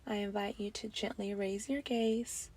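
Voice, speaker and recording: Speaking in a mid-range voice with fairly even intonation, a woman gently guides a breathing meditation. Her breathy phrasing often sinks to a near-whisper, and she pauses at length.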